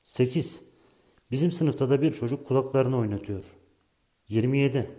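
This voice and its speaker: A man voicing a bossy older boy who loudly calls out bingo numbers in a storybook reading. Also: mid-range voice, moderate pace, close to an everyday voice. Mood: calling out. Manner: loud, calling out.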